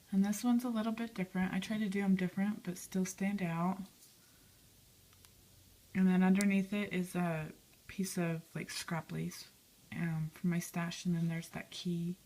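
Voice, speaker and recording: A woman narrating a craft video, listing the materials on her art piece in a soft, chatty way and often dropping to a whisper. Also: on the low side, low-quality recording. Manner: soft, chatty, lots of "um" and "and then". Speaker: craft vlogger. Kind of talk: casual show-and-tell narration.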